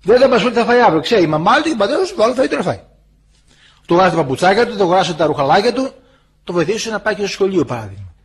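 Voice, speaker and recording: Husky Greek-speaking man preaching animatedly. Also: high-pitched. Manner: homely, animated storytelling, acts out quoted voices. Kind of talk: spoken sermon to listeners.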